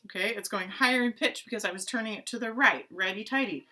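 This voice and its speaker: A woman teaching a playful online strings lesson for children, asking questions and keeping it lively. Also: mid-range voice, fast talker, faint music behind. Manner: animated, talks to kids with pretend play and questions. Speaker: music teacher. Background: violin notes.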